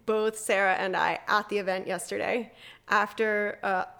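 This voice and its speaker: A woman's voice: mid-range voice, steady tone, moderate pace, gravelly, a bit bright, smooth. A woman co-hosting a podcast in casual chat, enthusiastic, swearing freely and laughing often. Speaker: podcast co-host.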